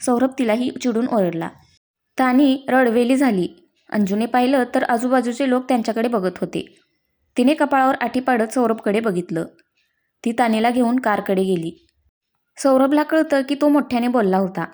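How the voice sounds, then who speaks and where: A woman reading a story aloud, narrating at an even pace and lifting her voice a little for the characters' lines. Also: a little high, normal speed.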